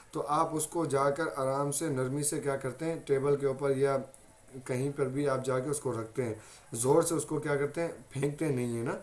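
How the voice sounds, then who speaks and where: In a mid-range voice, a Pakistani Urdu-accented man leads a Quran recitation lesson. He repeats every point patiently and pronounces letters aloud to illustrate them.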